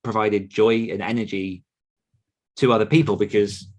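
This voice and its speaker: On a podcast, a British author in his thirties reflects casually as a guest, his stories meandering along. He speaks in a lowish voice with a flat delivery at a moderate pace.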